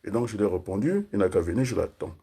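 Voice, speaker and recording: A low, dark-toned man from Congo holds forth in a rambling political address. His husky voice circles back again and again to ask whether his listeners agree, and at times he slows down to break words into syllables. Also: big pitch swings. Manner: rhetorical, keeps asking listeners for agreement. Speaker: political speaker.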